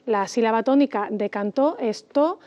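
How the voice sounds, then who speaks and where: A woman explains grammar rules on an educational TV program. She speaks patiently and deliberately, and stretches stressed syllables to demonstrate them. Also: a little high, dull audio. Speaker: language expert guest.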